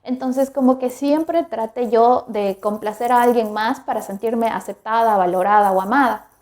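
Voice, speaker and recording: Higher-voiced woman podcaster. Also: moderate pace. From Ecuador. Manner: reflective and candid, warm direct address to listener. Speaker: podcast host. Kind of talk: personal storytelling monologue.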